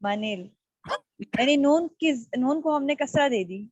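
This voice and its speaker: A woman's voice: high voice, animated, no echo. Persistent woman student, muffled call. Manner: persistent, presses with follow-up questions. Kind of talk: asking a question in class.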